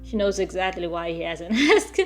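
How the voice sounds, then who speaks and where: A woman's voice: fairly low pitch, expressive, normal speed. A woman streamer reading a visual novel aloud, laughing often as she goes. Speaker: let's-play streamer.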